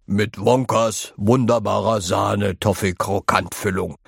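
A man voicing an old grandfather in a storybook, loud and emphatic. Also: lowish voice, steady tone, unhurried, creaky, no echo, studio quality. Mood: hearty.

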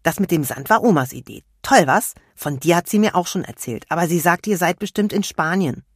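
A woman's voice: lowish voice, lively intonation, brisk, slightly rough, no room sound, studio quality. A woman doing a chatty, eager little girl. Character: cheerful little girl, bold and friendly.

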